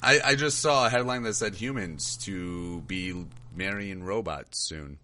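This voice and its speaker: A man's voice: low-pitched, pushed and bright, a little hiss or hum. A man co-hosting a podcast in casual banter, often stumbling and restarting his words. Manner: halting, stumbles over words. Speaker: podcast co-host.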